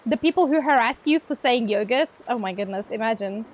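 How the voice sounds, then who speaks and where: A woman's voice: on the high side, expressive, fairly quick, poor audio. A young woman streamer chatting casually with her viewers while gaming, playful and teasing, laughing often.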